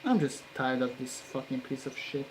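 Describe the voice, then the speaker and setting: A hobbyist maker muttering and cursing angrily at his work while soldering, with low grumbling broken by sudden loud outbursts. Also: expressive, normal speed, slight background noise, poor audio.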